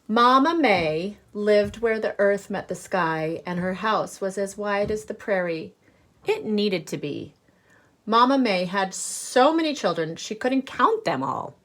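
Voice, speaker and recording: A woman with a mid-range voice reads a picture book aloud to children in the manner of a teacher, expressive and deliberate, stopping to explain things with simple asides and questions.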